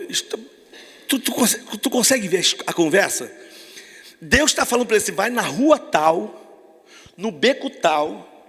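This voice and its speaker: Man, Brazilian accent, husky, fiery preaching, long hall reverb. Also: high-pitched, bright, forceful tone. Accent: Brazilian Portuguese. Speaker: youth preacher. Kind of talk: lively evangelical sermon.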